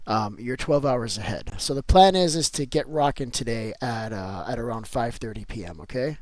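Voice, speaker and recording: A man live-streaming a game and talking straight to his viewers in a relaxed, rambling way. His voice sits in a middle register, and it sounds dry and close with no room echo. He moves from upbeat cheer to mock grumbling as he answers the chat. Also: medium pitch, normal speed.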